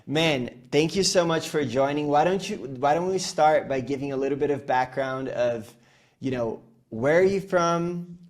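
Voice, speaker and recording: Upbeat male podcast host, higher voice. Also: moderate pace. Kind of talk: scripted show intro and interview questions.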